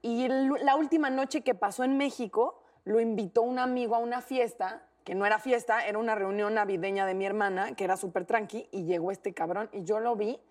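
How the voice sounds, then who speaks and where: A young Mexican woman co-hosting a talk show, telling a story in a lively, slangy way and acting out the quotes. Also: medium pitch, brisk, few pauses, far from the mic. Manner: animated, slangy, acts out quotes. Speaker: co-host.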